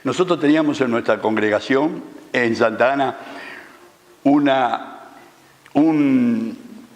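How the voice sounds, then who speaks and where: A man's voice: mid-range voice, takes it slowly. Male pastor preaching in an echoing hall. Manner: storytelling, asks the congregation questions. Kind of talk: sermon. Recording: reverberant church hall.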